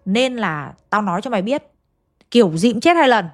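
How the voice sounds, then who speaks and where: A woman's voice: medium pitch, lively intonation, moderate pace, faint music behind, natural voice. Woman doing a blunt, scornful village mother. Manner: blunt, scornful, matter-of-fact.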